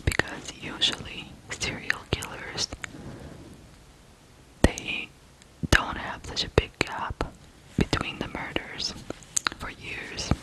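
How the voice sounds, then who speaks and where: Short phrases and deliberate pauses mark this hushed true crime narration by a Ukrainian ASMR host. The sound quality is rough.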